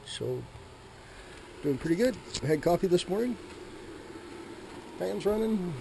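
A man with a slightly higher voice walks a handheld camera around a parked motorhome, chatting easily about how his setup is running. Fans and a generator hum loudly behind him, and the small room keeps his voice close. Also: takes it slowly, creaky. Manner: relaxed, chatty, reads out numbers from the panels. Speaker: RV owner vlogging his camping trip. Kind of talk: casual handheld vlog tour. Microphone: handheld wide-angle action camera.

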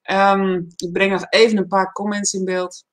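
Hosting a livestream talk show in a mid-range voice, a woman calmly and steadily reads out a reflective text and then turns to casual talk.

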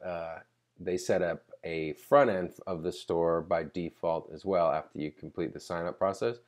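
With a low, darkish voice, a tutorial presenter talks through a screen recording off the cuff. His explanations are relaxed, and he often stops partway through sentences to gather his thoughts.

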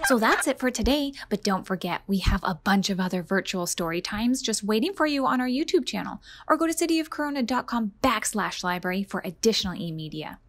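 Brisk and animated, this librarian in her thirties reads to preschoolers and offers simple instructions in a medium-pitched, fairly bright voice with few pauses. Slight background noise is present.

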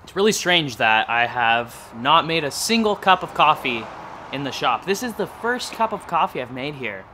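A young man chatting casually in a garage workshop vlog, self-deprecating and quick to laugh. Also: fairly high pitch, very animated, pushed and bright, slight background noise. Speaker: vlogger.

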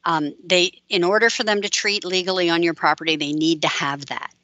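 A woman extension educator answers questions with practical, step-by-step advice. Her voice is fairly low but has a bright, forceful edge. The sound is dry and close, with no room around it. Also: steady tone, brisk, no room sound, muffled recording. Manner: practical, explanatory, plain-spoken.

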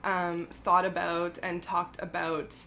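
A woman's voice: lowish voice, completely flat delivery, slow, sharp tone, a little hiss or hum. A woman talking casually about her skincare product, chatty and rambling, with lots of fillers and self-corrections. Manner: laughs often mid-sentence. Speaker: skincare brand founder.

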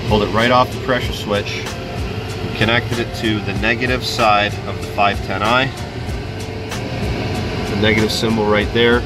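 A man in his thirties, an HVAC technician, talking casually and plainly as he walks viewers through a tool demo step by step. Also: on the low side.

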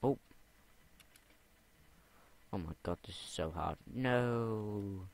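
A man's voice: lowish voice, extremely slow, vocal fry, darkish tone. A young man rambling and talking to himself as he plays a game, repeating words under his breath. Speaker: gamer. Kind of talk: game commentary.

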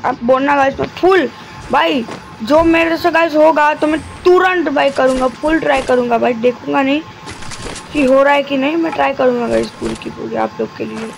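Guy with a pretty high voice, keeps it low and soft while streaming his game, faint hiss behind. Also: creaky, low-quality recording. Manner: talks deliberately quiet and soft; chatty, keeps addressing viewers as guys and brother. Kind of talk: live gameplay commentary.

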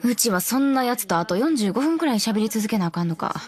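Woman voicing a blunt kansai lady, quick sharp comebacks, faint music under. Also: a little high, expressive, close to an everyday voice. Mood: scolding. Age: adult. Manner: sharp retorts, straight-man scolding. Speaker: commentary co-host. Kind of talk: in-character anime commentary.

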